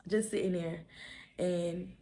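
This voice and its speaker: A woman in her twenties chatting casually to camera as a vlogger, talking fast in rambling runs, stumbling over words and leaning on fillers. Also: fairly low pitch, steady tone, warm tone. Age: 20s. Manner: many "like" fillers.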